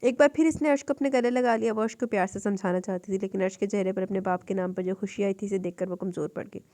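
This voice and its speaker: A woman's voice: mid-range voice, steady tone, quick pace, dark tone, dry recording. Woman narrating a novel, dry and close. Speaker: audiobook narrator.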